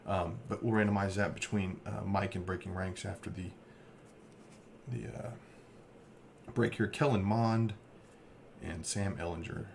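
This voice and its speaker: A man's voice: sits low, fairly even intonation, a little slow, vocal fry, pauses often. A man hosting a card break, casually rambling as he reads off player names. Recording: faint background noise.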